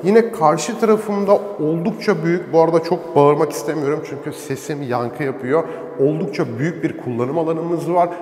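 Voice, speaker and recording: Guy selling a villa on a house tour, kinda high voice, big echo bouncing round an empty basement. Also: normal speed, darkish tone, slight background noise. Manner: promotional sales talk. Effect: strong echo in an empty basement. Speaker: real estate agent. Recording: echoey bare basement room.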